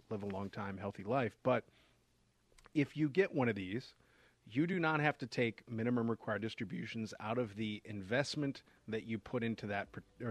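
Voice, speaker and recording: A man hosting a radio finance show, explaining in a relaxed, conversational way with frequent fillers and restarts. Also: on the low side, slightly rough.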